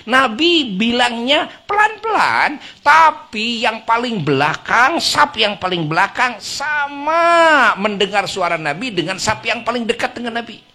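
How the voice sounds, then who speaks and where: A man preaching to a women's congregation, acting out little scenes and swinging between soft murmurs and loud exclamations. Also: high-pitched, husky. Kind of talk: lively sermon to a women's congregation.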